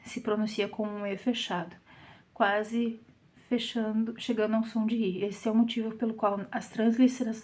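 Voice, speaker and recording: A woman with a Brazilian Portuguese accent leading a Bible study, reading scripture aloud and explaining it, sometimes dropping to a soft whisper for emphasis. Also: on the high side. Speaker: Bible teacher.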